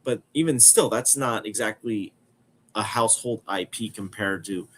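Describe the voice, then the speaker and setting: Stuffy-nosed young man, lowish voice. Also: normal speed, a bit bright, a little hiss or hum. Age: 20s. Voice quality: stuffy, congested nose. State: has a cold. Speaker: film review podcast host. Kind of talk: casual movie review commentary.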